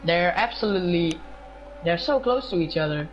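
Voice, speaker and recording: A frantic, excited commentator calling a live sim race, repeating phrases in the excitement. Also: mid-range voice, moderate pace, muffled recording, soft background music. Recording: noisy track ambience behind voice.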